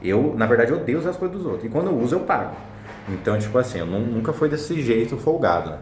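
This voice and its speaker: Young man, blunt slangy storyteller, quick delivery, roomy echo. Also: mid-range voice, big pitch swings, a little mellow, slight background noise. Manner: blunt, slangy, swears a lot. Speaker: vlogger telling a personal story. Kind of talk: casual storytelling to camera.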